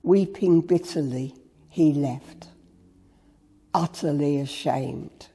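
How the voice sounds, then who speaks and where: A church reader giving a Good Friday meditation, with slow, measured storytelling and a long reverb. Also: mid-range voice, mellow, slightly rough.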